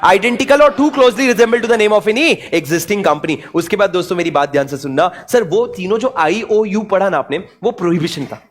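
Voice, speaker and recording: A young adult man from India giving an animated exam revision lecture, mixing Hindi and English and playing out student questions himself. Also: high voice, moderate pace. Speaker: teacher.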